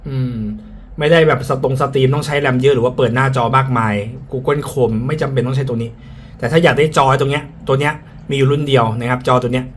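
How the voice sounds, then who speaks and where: A man's voice: medium pitch, steady tone, quick pace. A man speaking through a face mask, slightly muffled, giving a frank, casual product review and often repeating his points. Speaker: tech reviewer. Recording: clear background ambient noise.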